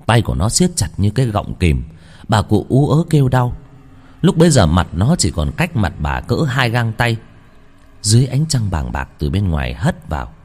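A man narrating a ghost story in a low, hushed, dramatic way. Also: slightly rough. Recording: faint music behind.

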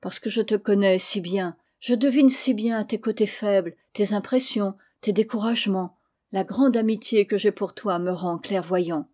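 A woman reading the part of a kind, steady uncle who calmly reassures and advises, in an audiobook of a classic novel. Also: mid-range voice, moderate pace, natural voice. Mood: reassuring. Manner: calm, reassuring, gently firm. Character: kind, wise middle-aged uncle, a steady comforter.

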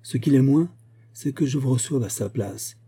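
A man voicing a stern, commanding older husband in an audiobook reading, measured and cold. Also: medium pitch, warm tone, breathy edge, pitched above the performer's own voice, natural voice. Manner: impérieux, measured.

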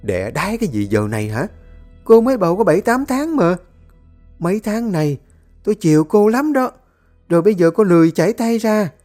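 A storyteller voicing a cruel, domineering older mother-in-law who scolds and shouts. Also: mid-range voice, animated, fast talker, soft background music, pitched above the performer's own voice, lightly acted. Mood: scolding.

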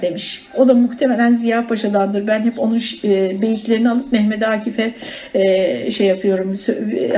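High mellow-voiced woman teaching religion. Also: rough recording. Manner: conversational, addresses listeners as friends, many fillers. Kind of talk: religious study talk.

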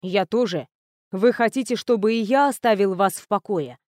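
A woman's voice: medium pitch, moderate pace, no room sound, clean studio sound, natural voice. A woman reading an earnest young knight. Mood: quiet, hurt. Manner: quiet, serious, pleading. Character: earnest, lovesick young male knight-mage. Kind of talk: audiobook character reading.

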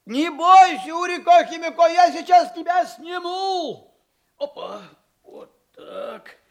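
A man's voice: high voice, big pitch swings, unhurried, sharp tone, full character voice. An actor playing a kind, spry old grandfather in a studio audio play, cheery and reassuring, chuckling often. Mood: cheerful. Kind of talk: studio radio play acting.

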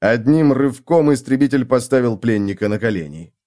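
A man's voice: mid-range voice, expressive, moderate pace, warm tone. A man narrating a fantasy novel as an audiobook, reading expressively and voicing each character.

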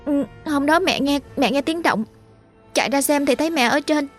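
A woman's voice: high voice, moderate pace, faint music behind, voice pushed up, lightly acted. A woman voicing a frightened young boy who stammers and repeats his words. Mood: scared.

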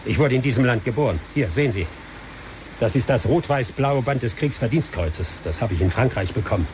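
An actor playing a humble barber in a radio drama, a beaten victim who speaks earnestly and imploringly. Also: male voice, lively intonation, a little fast, background noise, close to an everyday voice. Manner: earnest, imploring, rising in pitch when upset.

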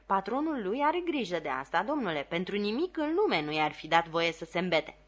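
A woman's voice: fairly low pitch, sing-song, highs cut off. Woman doing a pompous vain stage actor. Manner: pompous, self-important.

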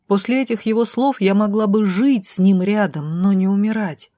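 A woman's voice: medium pitch, normal speed, mellow, no room sound, studio quality, close to an everyday voice. A woman playing a desperate young heroine who pleads in a raised, tearful voice in an audiobook.

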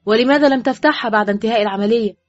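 A woman reading an audiobook voices a man, a teasing and mocking friend who needles loudly and sounds incredulous. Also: a little high, rapid-fire, no room sound, voice pushed up, lightly acted. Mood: impatient. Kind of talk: audiobook character voice. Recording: dull, dry recording with faint music.

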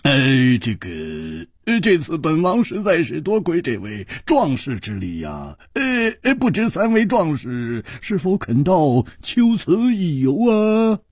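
A man's voice: a little high, huge pitch swings, slow pace, few pauses, husky, no echo, studio quality, full character voice. Figure: a man doing a hemming old king. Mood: stiffly formal. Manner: hemming and hawing, formal. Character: hesitant pompous old male king.

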